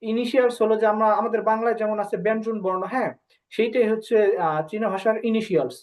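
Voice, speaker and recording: A Bengali-speaking woman teaching a language lesson, often pausing with filler sounds and slowly drilling syllables one by one. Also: fairly high pitch, steady tone, a little mellow. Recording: dull lo-fi recording.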